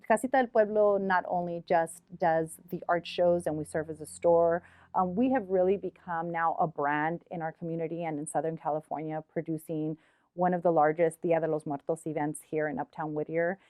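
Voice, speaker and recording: A middle-aged woman with a low, steady, darkish voice speaks at a moderate pace, with no room sound. She organizes a community art shop and gallery and talks earnestly, from the heart, in a documentary interview, hesitating often.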